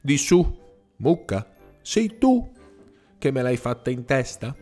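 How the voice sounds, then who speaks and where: A man voicing a small nearsighted female mole who squeaks indignant questions at the animals around her. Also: sing-song, slow pace, dark tone, soft background music. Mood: indignant, questioning.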